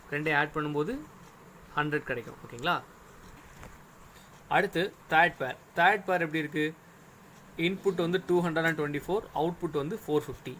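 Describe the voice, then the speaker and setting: Patient male lecturer, slightly high voice. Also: a bit bright, slight background noise. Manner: patient, step-by-step, often checks "okay?". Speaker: engineering lecturer. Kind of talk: recorded classroom lecture.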